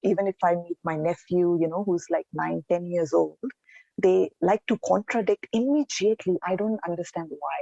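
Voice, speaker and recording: A woman from India, a podcast guest, answering in an earnest, reflective way with pauses and restarts. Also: lowish voice, creaky, mellow, no room sound, muffled recording. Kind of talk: casual interview answers.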